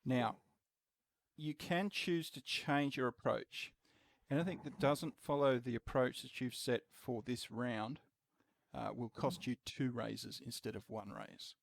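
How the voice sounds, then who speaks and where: A man with a gravelly, dry-sounding voice running a tabletop game. He explains the rules slowly and patiently, with an easy laugh between turns. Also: mid-range voice, no echo. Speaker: game master.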